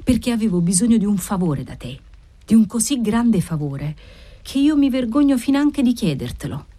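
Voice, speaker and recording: Una donna che dà voce a un marito disperato e supplichevole. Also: female voice, on the high side, big pitch swings, normal speed, mellow. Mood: pleading. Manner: pleading, breaking, self-reproaching. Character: anxious ruined husband, a man, pleading. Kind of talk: audiobook character reading.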